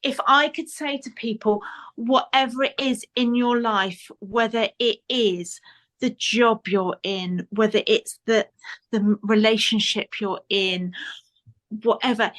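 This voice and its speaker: A woman's voice: fairly high pitch, fairly bright tone. A woman guest on a podcast interview, giving earnest motivational advice and repeating points for emphasis.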